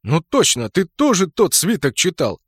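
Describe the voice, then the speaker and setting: A man voicing a loud, blunt young knight. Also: a little high, wildly swooping pitch, moderate pace, breathy edge, dry recording, studio quality, pitched above the performer's own voice, exaggerated voice. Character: burly young male knight, blunt and bloodthirsty. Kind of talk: audiobook character voicing.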